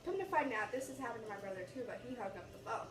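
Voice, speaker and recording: A woman's voice: on the high side, lively intonation, very fast. A teenage girl with an American accent telling a story casually as a vlogger, animatedly acting out the dialogue as she goes. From United States. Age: teens, about sixteen. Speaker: YouTube vlogger. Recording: roomy echo, distant mic, faint noise.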